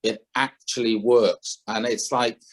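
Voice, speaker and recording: Thinking out loud and often revising himself partway through a sentence, this opinionated man, once a head trader, talks with a podcast host. His medium-pitched delivery is flat and he takes his time.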